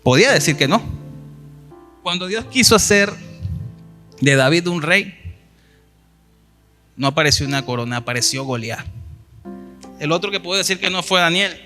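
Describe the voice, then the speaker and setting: A man's voice: fairly high pitch, expressive, normal speed, pauses often, pushed and bright, soft background music. A man preaching a sermon, retelling scripture stories and reading verses aloud with emphasis.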